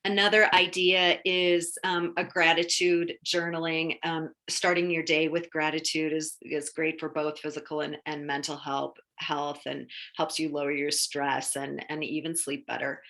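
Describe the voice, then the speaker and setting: Female wellness presenter, low-pitched, talking informally through a list of tips in an encouraging, explanatory manner. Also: little pitch movement, normal speed, few pauses, fairly bright tone.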